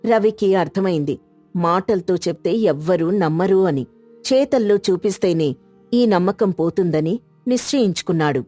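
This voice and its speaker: A woman giving steady, scripted storybook narration. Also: on the low side, moderate pace, soft background music.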